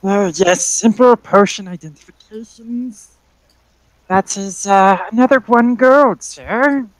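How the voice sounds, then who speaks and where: A game master voicing a fussy, polite old woman shopkeeper who appraises items, speaking slowly with hesitations. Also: medium pitch, pitched above the performer's own voice, close to an everyday voice, poor audio. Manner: slow, polite, hesitant with many ums. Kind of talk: tabletop game character voice.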